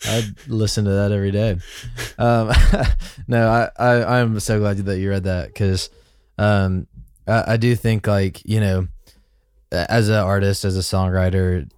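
A man's voice: on the low side, little pitch movement, measured pace, darkish tone, smooth, no room sound, studio quality. A man co-hosting a podcast, chatting enthusiastically about faith and songwriting. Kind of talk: casual chat.

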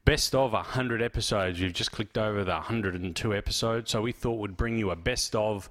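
An Australian podcast host with a fairly low voice introduces a retrospective episode on his own, speaking at normal speed. He's relaxed and rambling, scattering plenty of fillers through the casual intro.

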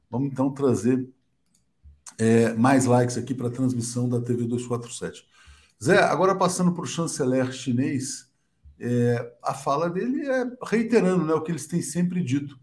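Guy hosting a live political stream, casual, lots of "né?" tags. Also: mid-range voice. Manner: conversational, quick asides, tag questions.

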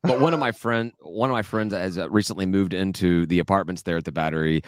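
Deep-voiced man telling animated stories. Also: quick pace, dry recording, clean studio sound. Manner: animated storyteller, laughs often, voice jumps up. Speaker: podcast co-host. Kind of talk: casual sports podcast chat. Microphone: home studio mic.

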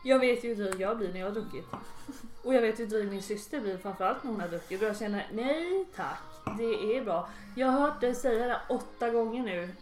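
A woman's voice: on the high side, echoey room, soft background music. A woman, a podcast guest chatting bluntly while tipsy, swearing and laughing often. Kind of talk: casual tipsy chat.

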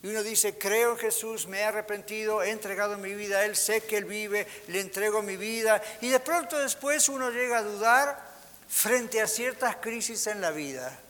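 A pastor preaches a sermon in a church hall, his high-pitched voice bright and forceful at normal speed. He puts rhetorical questions to the congregation. The recording carries hall reverb and a faint hiss.

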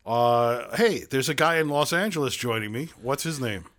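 A man's voice: medium pitch, lively intonation, moderate pace, a bit bright. A middle-aged man with a Brooklyn accent hosting a podcast in casual chat. He is self-deprecating and fills his talk with "uh", often chuckling. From Brooklyn, New York. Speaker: podcast host.

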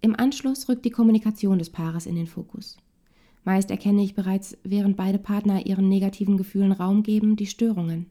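A woman couples therapist calmly reading a nonfiction book aloud in a measured way. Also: mid-range voice.

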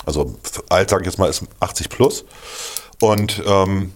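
A man with a very low voice chats casually as a podcast co-host. He chimes in with quick interjections and teasing asides. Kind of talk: casual chat.

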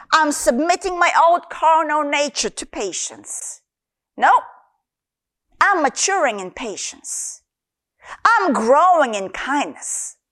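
A woman's voice: high-pitched, fairly bright tone, no room sound, studio quality. A woman preaching a sermon, telling a personal testimony in an earnest, emotional way that builds in fervor.

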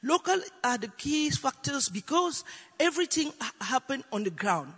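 A woman with a Francophone African accent, a native French speaker, giving panel remarks in careful English with searching pauses. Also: sits high, very animated, fairly bright tone, breathy edge. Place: large hall at a conference, speaking to a room. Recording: reverberant conference hall.

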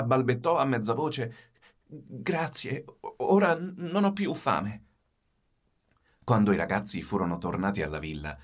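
A man narrates a children's storybook in a low voice that rises and falls in lively swings. He reads expressively and slips into the characters' lines as they come up. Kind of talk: storybook reading.

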